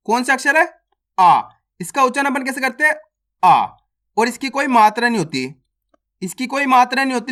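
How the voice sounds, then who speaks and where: A man's voice: very high voice, a bit bright. Male teacher, online alphabet lesson. Asks the class questions, answers them himself, stretches out vowel sounds. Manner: checks in with listeners. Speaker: Hindi teacher.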